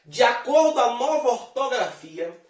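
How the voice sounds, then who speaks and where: Speaking at a moderate pace in an extremely high voice, a male Portuguese teacher chats his way through a grammar lesson, talking straight to the viewer. He stretches out the key example words as he goes. The sound rings in an echoey room, captured from some distance.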